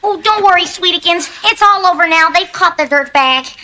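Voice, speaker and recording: Squeaky, very high-pitched nerd. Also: male voice, normal speed. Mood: concerned. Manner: cutesy pet names, eager and oblivious. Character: nerdy, lovesick, clumsy, chirpy young man. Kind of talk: broad sitcom acting. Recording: noisy sitcom soundstage with loud studio audience.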